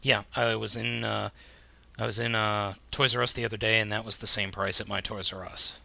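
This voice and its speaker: A man's voice: on the low side, flat delivery, brisk, creaky, pushed and bright, dry recording. An American man co-hosting a casual podcast chat, talking in a slangy, emphatic, jokey way. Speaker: podcast co-host. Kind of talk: casual chat about toy news.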